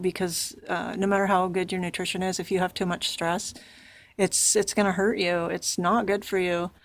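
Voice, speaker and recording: A woman's voice: fairly low pitch, a little hiss or hum. A young woman chatting casually in a home vlog, upbeat and rambling. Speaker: vlogger. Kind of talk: casual chat.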